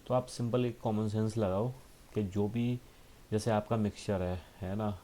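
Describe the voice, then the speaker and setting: A man teaching a school science lesson, explaining patiently with frequent tag questions and reading textbook lines slowly. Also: on the low side, fairly even intonation, warm tone, a little hiss or hum. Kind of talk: classroom lesson.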